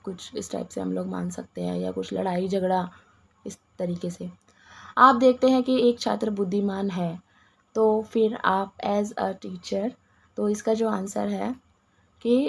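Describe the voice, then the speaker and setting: A woman with a hoarse voice and a cough, explaining answers to exam questions with restarts and many English words. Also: mid-range voice, a little mellow. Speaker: teacher going through exam questions. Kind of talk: Hindi exam-prep lesson.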